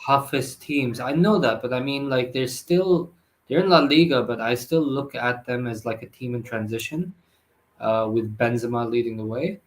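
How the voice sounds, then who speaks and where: A man's voice: medium pitch, normal speed, rough recording. A man co-hosting a football watchalong in casual chat, hesitant and full of fillers and restarts.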